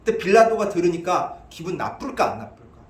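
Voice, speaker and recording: A male pastor preaching an expository sermon, animated, asking the congregation questions and answering them himself. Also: high-pitched, a little fast. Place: church sanctuary. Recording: echoey church hall.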